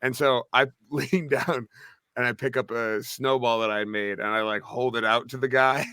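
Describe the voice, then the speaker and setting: A young man from New Hampshire, a podcast co-host, telling a story in casual chat, animated and swearing. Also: mid-range voice, moderate pace, clear, resonant tone, no echo, clean studio sound. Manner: animated, swearing, acts out quotes loudly.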